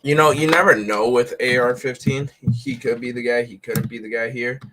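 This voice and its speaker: Male guest on headset, even-keeled sports talk, hissy online call audio. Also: medium pitch, normal speed. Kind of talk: casual sports chat.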